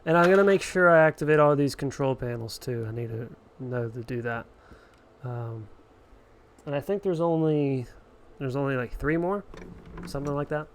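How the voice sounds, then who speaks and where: A man casually chatting on a live stream while playing a horror game, swearing and yelling at the enemies. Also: medium pitch, moderate pace.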